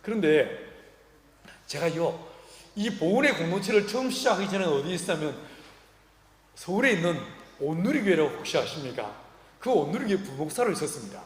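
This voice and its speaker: A man's voice: on the high side, sing-song, a little fast, pauses often. A middle-aged man preaching a sermon as pastor, telling stories with humor and acting out the voices of the people in them. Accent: Korean. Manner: humorous, acts out quoted dialogue. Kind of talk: sermon with storytelling. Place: church sanctuary. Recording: echoey hall reverb.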